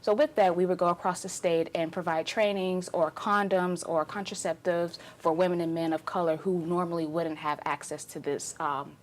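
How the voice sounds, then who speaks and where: A woman's voice: fairly low pitch, fairly even intonation, moderate pace, hardly any pauses. A woman in her twenties who works as a paralegal fellow, speaking earnestly and emphatically in a group discussion. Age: 20s.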